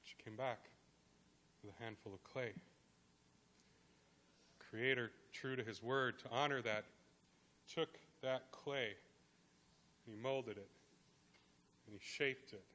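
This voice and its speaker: Bright-voiced man telling a legend. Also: medium pitch. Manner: dramatic pauses, rhythmic repetition. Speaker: guest speaker. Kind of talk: oral storytelling.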